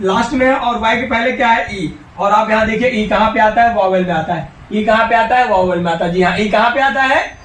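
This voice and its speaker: Guy teacher with a high voice, keeps asking and answering his own questions, kinda far from the mic. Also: fairly bright tone. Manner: coaxing and encouraging, addresses children directly. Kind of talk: classroom-style English grammar lesson. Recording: echoey room, voice from a distance.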